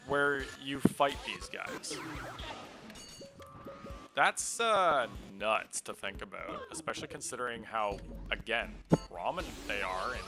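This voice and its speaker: A man's voice: medium pitch, poor audio. A man giving casual, rambling commentary on a game livestream, often interrupting himself. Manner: chatty, rambling, self-interrupting. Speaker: streamer. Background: game music.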